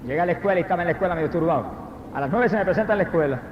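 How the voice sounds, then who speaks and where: A man with a high voice preaches his testimony fervently, now and then bursting into loud praise. He is heard in a church hall with a long, echoing reverb. The recording sounds dull and lo-fi, with faint noise behind it. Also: rapid-fire. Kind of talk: testimony sermon.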